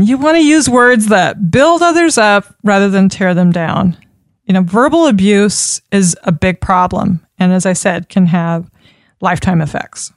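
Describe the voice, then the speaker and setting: Woman trainer, instructional delivery, measured and repetitive, smooth, dry close mic. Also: mid-range voice, dry recording. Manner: measured, repeats key points for emphasis. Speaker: communication trainer. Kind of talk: instructional talk.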